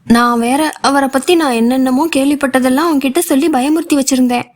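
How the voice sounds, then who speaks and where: A woman voicing an anxious, chatty young female friend who fires off rapid worried questions in an audiobook. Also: sits high, fairly even intonation. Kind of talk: audiobook character voice.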